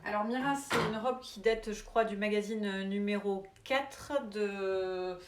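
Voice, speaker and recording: A woman's voice: medium pitch, measured pace, very noisy. Woman sewing instructor, English accent, casual filler-heavy delivery, echoey room. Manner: relaxed and chatty, many fillers. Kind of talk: live sewing tutorial.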